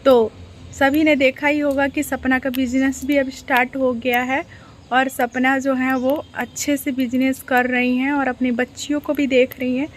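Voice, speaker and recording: Woman, high voice, chatty reaction vlogger, repeats herself, slight background noise. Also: little pitch movement, moderate pace. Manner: chatty, rhetorical questions, repeats phrases. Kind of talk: casual commentary to viewers.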